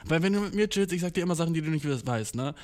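A man's voice: a little high, expressive, rapid-fire. A young man ranting comically in casual youth slang mixed with English words, mock-cocky and jumping into exaggerated voices. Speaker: comedic monologue host. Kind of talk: casual comedic rant.

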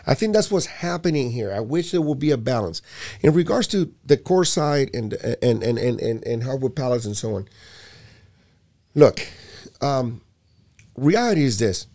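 A man from Puerto Rico who runs a youth basketball program, speaking in a casual conversation with an animated, emphatic delivery and frequent repeated words. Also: medium pitch, moderate pace.

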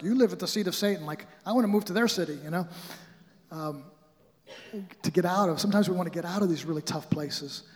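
A man's voice: sits high, big-room sound. A man from the American Midwest preaching a sermon in a casual, conversational way, often stumbling and restarting his sentences. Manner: conversational, halting, frequent restarts.

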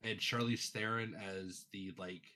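A man's voice: fairly low pitch, steady tone, normal speed, bright, forceful tone. A man chatting casually with friends, wry and grumbling, often trailing off. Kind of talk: casual chat.

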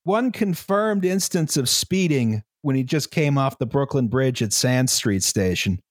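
Podcast host, male, mid pitch, rambling explainer with lots of "right?", dry close mic. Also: animated, a little slow, no room sound. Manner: explains at length, tags lines with "right?", many fillers. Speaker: podcast host presenting the history. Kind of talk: casual history podcast chat.

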